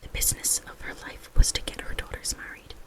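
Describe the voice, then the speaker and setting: A whispering reader narrating a classic novel in a breathy, unvoiced ASMR whisper. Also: a little fast.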